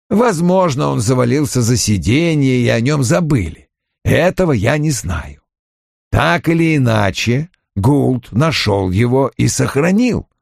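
A man voicing a haughty, deliberate older male detective, reading an audiobook in a measured, lecturing manner. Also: mid-range voice, creaky, no room sound, studio quality, exaggerated voice.

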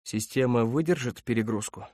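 A man's voice: medium pitch, moderate pace, a little mellow, no room sound, studio quality, close to an everyday voice. A man voicing a determined woman who speaks plainly and wryly.

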